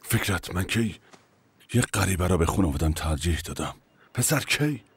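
A worried, exasperated older brother. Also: male voice, sits low, animated, breathy edge, no room sound, exaggerated voice. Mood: pleading. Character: worried older brother, family-first businessman. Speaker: older brother running family company. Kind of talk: Persian dub of a TV drama.

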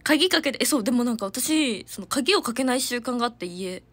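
A woman's voice: on the high side, animated, fairly quick, a bit bright. A young woman, chatting casually and giggling on a livestream from her family home, reading out viewer comments. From Hiroshima, Japan. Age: young adult. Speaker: idol livestreamer.

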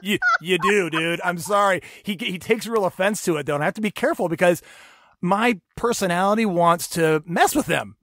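A man's voice: sits high, moderate pace, fairly bright tone, no echo. A man hosting a podcast, chatting casually and animatedly about his kids, acting them out as he tells stories. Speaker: podcast host. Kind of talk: casual chat.

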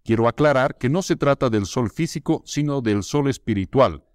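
A man co-hosting a casual chat, reading aloud from a book and talking straight to the viewers in a relaxed, playful way. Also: medium pitch, moderate pace, dry recording, studio quality. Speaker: co-host.

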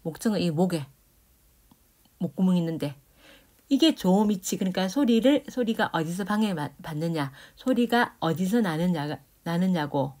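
Mellow-voiced woman teaching grammar. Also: lowish voice, lively intonation, moderate pace. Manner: demonstrates sounds aloud, asks students rhetorical questions. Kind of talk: lecture explaining phonetics.

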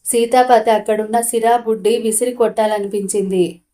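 A woman storyteller reading a short story aloud in a steady, even narration. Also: fairly high pitch, normal speed.

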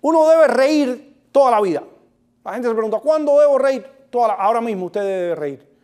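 A man from Cuba performs a stand-up routine with a high, bright voice. He jokes with the audience and acts out silly laughs. A faint hiss of noise sits behind him. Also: moderate pace. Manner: joking, addresses the audience directly. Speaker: comedian host. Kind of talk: stand-up monologue.

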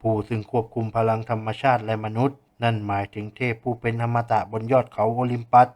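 A man voicing a kindly, patient older teacher who explains things gently in an audiobook story. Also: lowish voice, little pitch movement, fairly quick, close to an everyday voice.

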